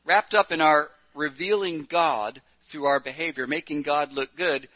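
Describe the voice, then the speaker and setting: Bright-voiced male preacher. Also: fairly high pitch, measured pace, rough recording. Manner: plain-spoken, self-deprecating with hesitant fillers. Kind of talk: sermon with story reading.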